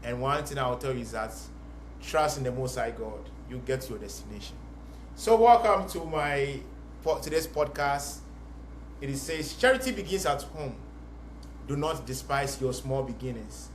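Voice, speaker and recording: A man's voice: medium pitch, lively intonation, normal speed, slight background noise. A young Ghanaian man hosting a podcast, talking in an earnest, encouraging, preacher-like way. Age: young adult. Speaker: podcast host. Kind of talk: motivational podcast monologue. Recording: roomy echo with faint music.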